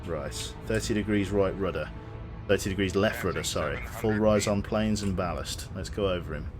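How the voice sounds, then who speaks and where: Low-voiced man muttering through gameplay. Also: moderate pace, over music. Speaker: gamer commentating on own play. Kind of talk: gameplay commentary with spoken commands.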